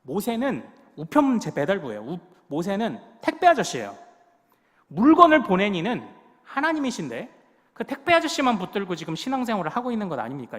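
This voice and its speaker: A man's voice: sits high, fairly bright tone, in a large hall. A male pastor preaching a sermon in a church, leading the congregation in repeating phrases and acting out the people in his story with emphatic delivery. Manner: acts out quoted voices with rising, emphatic delivery. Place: church sanctuary.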